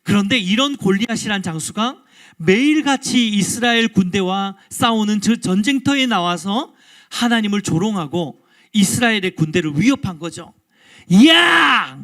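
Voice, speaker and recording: A male pastor giving an all-ages sermon in a lively, interactive storytelling manner, often asking the congregation questions. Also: sits high, moderate pace. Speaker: guest pastor.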